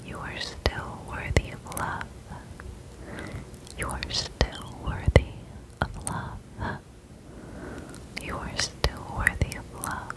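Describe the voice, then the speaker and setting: A woman whispers an ASMR pep talk of comforting affirmations. She goes extremely slowly and soothingly, repeating phrases with long, drawn-out spacing. Her voice stays in a breath-only whisper. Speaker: ASMR host.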